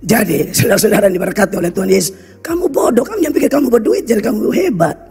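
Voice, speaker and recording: A man preaching in a Kupang accent, his voice unusually high and husky. He scolds bluntly and drops into local slang. The sermon rings through a reverberant church hall over faint background music. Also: expressive, very fast, darkish tone. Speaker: pastor.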